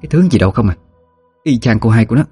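A man voicing a sharp-tongued middle-aged wife who nags her servant, in a storybook reading. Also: mid-range voice, expressive, very fast, husky, soft background music, pitched above the performer's own voice. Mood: shrill scolding. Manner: sharp, nagging. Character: shrill scolding middle-aged wife of the house.

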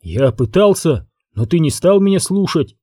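A man reading an audiobook, voicing a rancher's young son who speaks quietly and calmly. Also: on the high side, normal speed, no room sound, studio quality, voice pushed up. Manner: quiet, calm.

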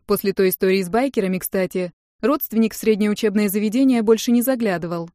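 Young woman reading a novel aloud, dry deadpan first-person storytelling, no room echo at all. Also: medium pitch, quick pace. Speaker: audiobook reader. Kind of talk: first-person audiobook narration.

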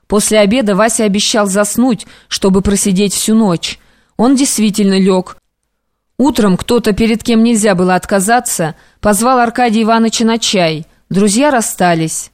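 A woman narrating classic prose for an audiobook in a measured, even manner. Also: medium pitch, dry recording, studio quality.

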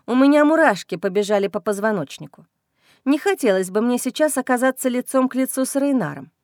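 A woman reading a first-person novel aloud in a wry, lively way. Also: fairly high pitch, a little fast, no echo, studio quality. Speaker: audiobook narrator.

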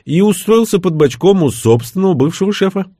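A boastful, teasing former commando in middle age, pitched well above the reader's own voice. A man acts him out with a husky, lively delivery. The sound is close and dry. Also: a little fast, no echo. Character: sly middle-aged ex-commando, now hotel owner.

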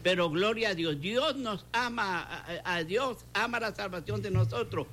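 A man's voice: high voice, a little slow, bright, forceful tone, a little hiss or hum. An older man with a Puerto Rican Spanish accent, a pastor giving a fervent testimony and repeating his phrases for emphasis. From Puerto Rico. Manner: fervent, repeats phrases, acts out quoted dialogue. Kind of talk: preaching testimony in a talk show.

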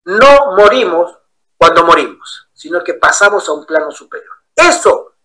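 A man preaching in a sermon-style Bible study, telling stories in an animated way. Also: sits high, moderate pace, poor audio. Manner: animated storyteller acting out quoted voices.

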